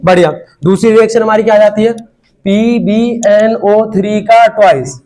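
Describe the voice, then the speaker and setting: A man with a high voice teaches chemistry to a room of students. He jokes with them and keeps asking if they understood. His delivery stays casual and chatty throughout. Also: steady tone, moderate pace, darkish tone. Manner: casual, joking, constantly checking if students understood. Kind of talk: classroom chemistry lesson. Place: classroom with students.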